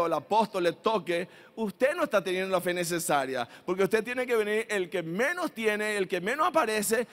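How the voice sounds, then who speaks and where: A male pastor preaching a sermon in a church, emphatic and animated, calling out to the congregation. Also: high voice, in a large hall.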